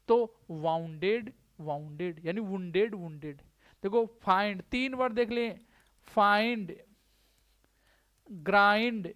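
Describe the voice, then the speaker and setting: Woman teacher drilling verb forms. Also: fairly high pitch. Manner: repeats words slowly for drilling, asks the class checking questions. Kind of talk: exam-prep grammar lesson.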